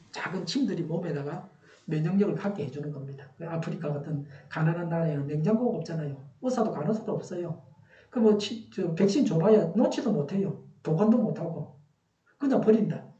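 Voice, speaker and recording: A man's voice: on the high side, warm tone. A man preaching a sermon as a pastor, speaking through a face mask that muffles his words. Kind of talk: sermon with scripture exposition. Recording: dull, echoey, distant church recording.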